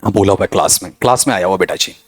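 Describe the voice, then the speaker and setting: A middle-aged man teaching an English vocabulary revision class, animated and fond of asking students questions and saying "theek hai". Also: deep voice, rapid-fire. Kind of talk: lively classroom revision lecture.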